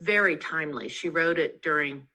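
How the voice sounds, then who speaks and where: A woman with a low, bright and forceful voice talks about books in a chatty interview. She fills her sentences with ums and restarts. She is speaking over a video call mic. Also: normal speed, rough recording. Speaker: author being interviewed. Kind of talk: casual interview chat.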